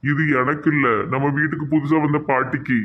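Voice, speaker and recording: A man's voice: a little high, little pitch movement, fairly quick, lo-fi sound, a little hiss or hum, natural voice. A man voicing an innocent young village man in a cartoon, defensive and pleading in a Tirunelveli accent. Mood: explaining. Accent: Tirunelveli Tamil. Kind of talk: cartoon voice acting.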